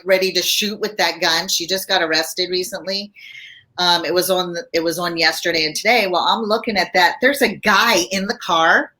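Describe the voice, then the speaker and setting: Bright-voiced woman therapist guest. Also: on the low side. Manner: explains calmly in a teaching tone. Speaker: marriage and family therapist guest. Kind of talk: casual advice chat.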